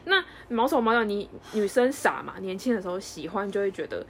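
A young woman co-hosting a casual podcast, telling a story in an animated way and acting out the lines of others. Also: medium pitch, slight background noise. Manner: animated storyteller, quick, acts out dialogue. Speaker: podcast co-host.

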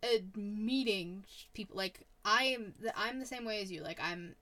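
A woman with a mid-range voice who hosts a podcast. She talks in a relaxed, chatty way, teasing her guest. She laughs often. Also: mid-range voice, moderate pace. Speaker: podcast host. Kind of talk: casual podcast chat.

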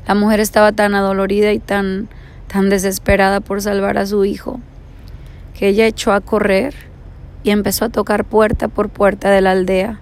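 A woman telling a spiritual parable and reflecting on it, speaking slowly and repeating phrases in long lists. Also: mid-range voice, level tone. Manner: slow, repetitive phrasing, piling up lists of words. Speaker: storyteller.

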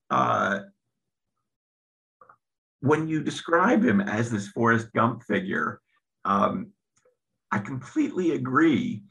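A man hosting an interview, introducing his guest and asking questions in a measured way with frequent ums. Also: medium pitch, gravelly, a bit bright, low-quality recording. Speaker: interview host.

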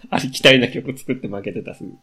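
A man's voice: mid-range voice, fast, bright, forceful tone, breathy edge. A young man with a Kansai accent, co-hosting a casual podcast chat, laid-back and laughing along. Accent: Kansai Japanese. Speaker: podcast co-host.

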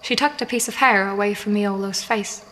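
A woman reading a first-person novel aloud in a soft, unhurried, quietly emotional way. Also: mid-range voice, slight background noise. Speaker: audiobook narrator. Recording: long hall reverb.

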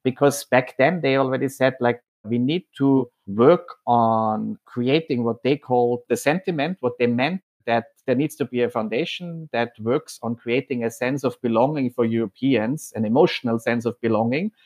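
A man from Austria, head of programs at a foundation, speaking in a measured, explanatory way with occasional hesitations. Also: medium pitch, a little mellow. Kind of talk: podcast interview monologue.

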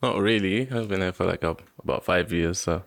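Low, gravelly young man from Sudan. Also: a little fast, fairly bright tone, dry recording. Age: 20s. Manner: hesitant, many "um"s, laughs often. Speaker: guest. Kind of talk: casual interview.

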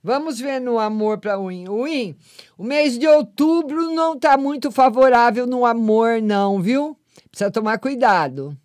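A woman's voice: fairly high pitch, animated, unhurried, a little mellow, no echo, clean studio sound. An older woman hosting a live call-in show, chatting affectionately with callers and giving them readings. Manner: affectionate, calls callers "my lovely". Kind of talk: casual live call-in chat.

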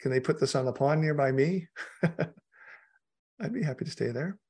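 Male author guest, rough gravelly voice, relaxed chatty commentary with frequent laughs. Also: fairly high pitch, moderate pace. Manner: chatty, laughs often, loose restarts. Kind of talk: casual commentary chat.

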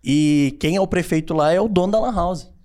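A man with a fairly high voice hosts a relaxed podcast conversation. He jokes along with his guest and often stops and restarts his words. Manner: joking, halting, restarts words. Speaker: podcast host. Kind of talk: casual chat.

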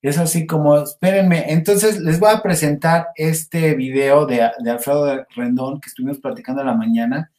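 A livestream host with a Mexican accent chats casually with his viewers, rambling in an informal way. His voice is a little high and a little mellow, with a steady tone, normal speed, and few pauses. The sound is roomy and echoey.

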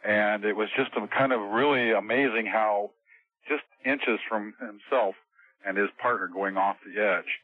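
A man heard over the phone as a radio show guest, talking in a halting way with many fillers. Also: fairly low pitch, breathy edge, no room sound. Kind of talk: call-in radio interview. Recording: tinny phone line.

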